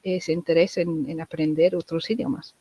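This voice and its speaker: A woman's voice: sits low, fairly even intonation, normal speed, breathy edge, no room sound, dull audio. A woman from England, a native English speaker, chatting casually as an interview guest in Spanish with an English-tinged Andalusian accent, hesitant and repeating words.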